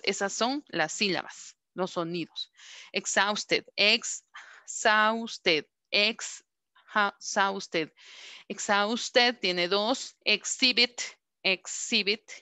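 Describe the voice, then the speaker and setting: A woman's voice: mid-range voice, bright, forceful tone. A woman English teacher giving an online class, patiently repeating words for students to echo. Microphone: computer microphone on a video call.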